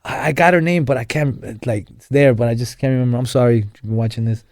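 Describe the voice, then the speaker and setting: On a podcast, a young Los Angeles guest rambles through his story with lots of fillers and false starts. His fast, medium-pitched voice is a little mellow, and the recording is dry.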